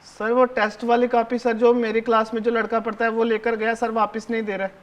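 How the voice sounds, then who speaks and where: A cheeky seventh-grade schoolboy, played by a man on stage in a one-man show, talking straight to the audience in a very high, boyish voice. He hushes and orders his classmates around and tattles to the teacher, sprinkling "sir" into every sentence. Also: completely flat delivery, fairly quick. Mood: bossy, tattling. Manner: bossy, chatty, keeps hushing and ordering classmates; fawning toward the teacher, repeats "sir" constantly. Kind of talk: live solo stage acting, addressing the audience.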